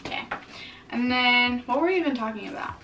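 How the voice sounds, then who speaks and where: A woman's voice: fairly high pitch, a little fast. A young woman chatting casually and reading aloud from old childhood writings, with playful, informal commentary. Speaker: vlogger. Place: small bedroom, indoors, sitting on a bed. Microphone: camera a few feet away. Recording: distant mic in a room, music behind.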